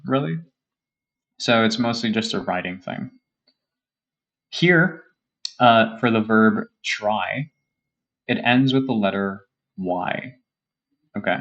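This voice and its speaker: A man's voice: lowish voice, fairly bright tone, dull audio. A man teaching a beginner English grammar lesson, explaining patiently and often checking in with "okay?" and "right?".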